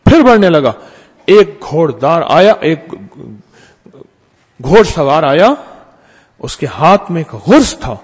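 A male preacher telling a story in a sermon, repeating phrases for emphasis. His voice is fairly high and swings widely in pitch. A long hall reverb follows every phrase. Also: big pitch swings, pauses often, husky. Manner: dramatic storytelling, emphatic repetition.

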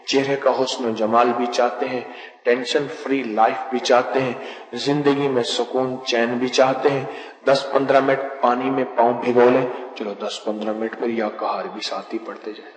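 A man preaching a sermon from the pulpit to a seated audience, lively and joking with his listeners, reciting verse along the way. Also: medium pitch. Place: large hall with a pulpit. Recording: echoey hall reverb.

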